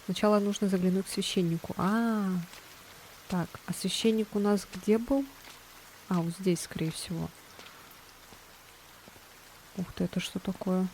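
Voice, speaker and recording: A woman streams a video game with casual, chatty commentary. She reacts with exclamations and giggles in a medium-pitched voice. Some noise sits behind her. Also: measured pace, pauses often, a little mellow, rough recording. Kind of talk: casual let's-play commentary.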